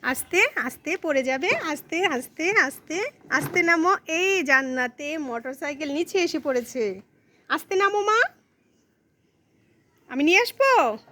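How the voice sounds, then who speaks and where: A high, bright-toned woman narrates a casual family vlog. She turns from viewers to coax her little daughter, gentle and chatty. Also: expressive, a little slow, pauses often. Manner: coaxing, talks to viewers and to a small child. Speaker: mother filming her daughter.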